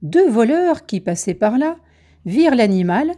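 Mellow-voiced woman telling a folk tale. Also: on the high side, big pitch swings, measured pace. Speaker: storyteller. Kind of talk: scripted narration of a folk tale.

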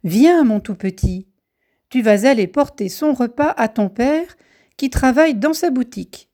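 Woman playing a lonely housewife, tender, pleading, mellow tone. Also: fairly high pitch, animated, measured pace.

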